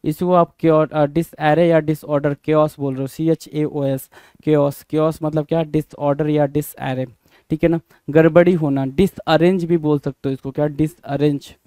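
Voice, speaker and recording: Fields: Male. Mellow voice, dry sound. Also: a little high, little pitch movement, moderate pace, clear, resonant tone, no room sound. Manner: repetitive call-and-response, asks and answers himself; spells words letter by letter. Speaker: English vocabulary teacher. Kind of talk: exam-prep vocabulary lesson.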